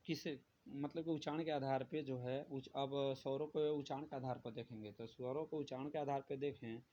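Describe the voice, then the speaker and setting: A male teacher with a medium-pitched, dark voice gives a grammar lesson, going over each point repeatedly and posing questions to the class that he then answers himself. The recording is dull and lo-fi, with faint noise.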